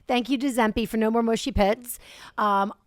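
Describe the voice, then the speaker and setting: A young woman hosting a podcast, chatting casually and telling an animated story with lots of giggles and swearing. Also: a little high, moderate pace, no echo, clean studio sound. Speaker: podcast host. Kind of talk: casual chat.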